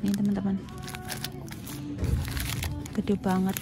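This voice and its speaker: A woman vlogs her family shopping trip, addressing viewers casually as friends, first outdoors near roads and car parks and then in a supermarket. She speaks slowly at medium pitch with a completely flat, gravelly delivery, and music plays behind her. The recording comes from a phone or camera held at arm's length.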